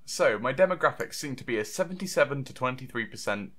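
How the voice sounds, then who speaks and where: A man's voice: medium pitch, expressive, fast talker, fairly bright tone. A young man hosting a casual chat show, talking in a rambling, stop-start way and laughing often. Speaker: podcast host.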